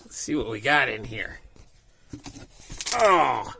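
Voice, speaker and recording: Male unboxing vlogger, forward bright tone, swinging intonation, folksy and unscripted, recorded inside a small camper trailer. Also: medium pitch, big pitch swings, slow pace, gravelly, slight background noise. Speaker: vlogger presenting a product unboxing. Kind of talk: casual unscripted product walkthrough.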